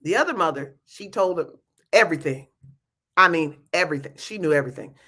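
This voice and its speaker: A woman's voice: low voice, animated, a little fast, sharp tone, breathy edge. A woman giving an informal, candid talk, speaking emphatically with slightly slurred speech from wearing a retainer. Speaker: youth peer group leader and speaker. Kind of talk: informal talk to an audience about a program.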